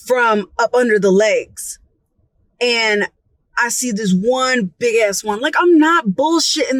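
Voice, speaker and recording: A woman's voice: a little high, dry recording, poor audio. A young woman telling a casual, profane story from her own life, acting out what people said with gasps and whispers. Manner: animated, profane, acts out quotes with gasps and whispers. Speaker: storytime vlogger. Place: Florida.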